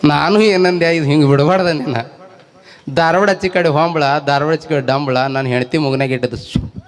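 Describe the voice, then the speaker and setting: A man with a North Karnataka Kannada accent doing folk stand-up comedy, telling lively rhyming anecdotes to his audience. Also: a little high, moderate pace. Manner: lively storytelling, rhyming wordplay, jumps into quoted voices; talks straight to a laughing audience. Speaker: stage comedian.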